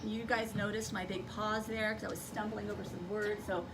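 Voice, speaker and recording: With a flat delivery at normal speed, a woman teacher whose voice is mid-range leads children through a demonstration, thinking out loud step by step. The distant mic picks up a noisy classroom, room noise and children's voices.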